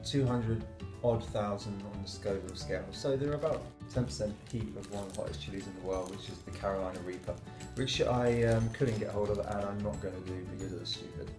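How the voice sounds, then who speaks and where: A man's voice: on the low side, brisk. Young guy youtuber chatting to camera, roomy echoey sound, music behind him. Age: young adult. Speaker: YouTuber doing a challenge. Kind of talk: casual chat to camera. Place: small room indoors.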